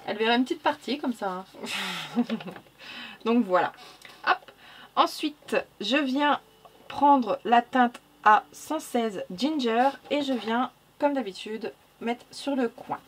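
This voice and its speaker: A woman's voice: on the high side, slow pace, breathy edge. A woman with a non-standard French accent chatting casually through a coloring tutorial, correcting herself, muttering "hop" as she works and laughing at her own slips. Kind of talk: casual narrated drawing tutorial.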